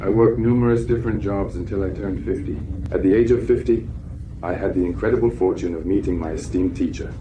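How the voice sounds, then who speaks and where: A man in his sixties from Kazakhstan speaks with a very low, deep voice. He answers an interviewer in measured, formal sentences and sounds sure of himself. A steady wash of background noise runs under the recording. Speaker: interviewee, founder of a healing teaching.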